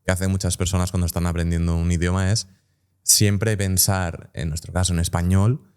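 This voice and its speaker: A man with a very deep, smooth and resonant voice. As the host, he leads the interview with long, searching questions. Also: flat delivery, fairly quick, a little mellow.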